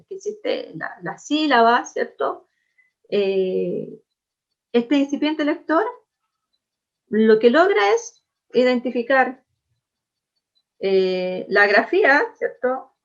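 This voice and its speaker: A Chilean woman gives a classroom lecture in a fairly high voice. She explains step by step and keeps checking that listeners are following. The recording is muffled and lo-fi. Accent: Chilean Spanish. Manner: frequent checking tags, conversational and explanatory. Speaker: teacher.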